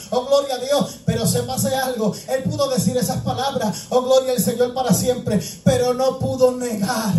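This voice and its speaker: High-voiced fervent male preacher, echoey church. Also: dark tone. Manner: repeats "gloria al Señor" and "amado hermano" as fillers; asks the congregation rhetorical questions. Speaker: pastor. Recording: echoey room, distant mic, faint music.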